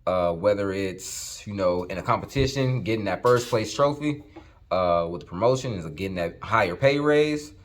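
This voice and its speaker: A man in his thirties with a very low voice talks straight to camera in his workshop. He is laid-back and slangy, cussing now and then, and his words come out slightly slurred from dental aligners. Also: expressive, normal speed. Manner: laid-back, swears casually, slang-heavy. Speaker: fitness vlogger. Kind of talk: casual motivational talk to camera.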